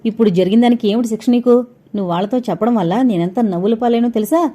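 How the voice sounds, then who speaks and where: A woman voicing a quick-tempered elder sister who scolds sharply. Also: on the high side, dark tone, natural voice. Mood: scolding.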